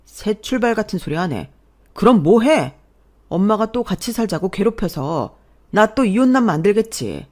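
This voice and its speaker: A woman's voice: on the low side, sing-song, a little slow, darkish tone. A woman voicing a tired husband caught between his wife and his mother in a radio drama. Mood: exasperated. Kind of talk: Korean radio drama acting.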